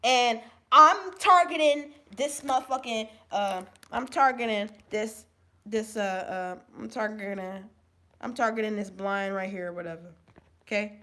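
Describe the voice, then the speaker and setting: A woman venting to camera in a profane monologue, angry and repetitive, swinging between shouting and low, subdued talk. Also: unhurried. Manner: angry, profane ranting with repeated phrases. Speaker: vlogger.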